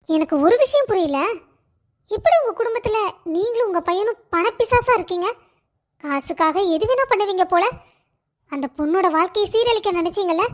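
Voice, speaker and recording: A woman voices a spirited young bride in a cartoon, very high and bright. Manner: fiery when wronged, tender with family. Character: pregnant young daughter-in-law, defiant but caring.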